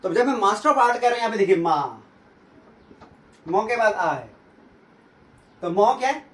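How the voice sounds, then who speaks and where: A man teaches grammar to a class, posing questions and then answering them, and he slowly repeats each sound. His voice sits high. He is picked up from some way off, and the room echoes. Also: expressive, fairly bright tone, distant mic. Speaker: English teacher.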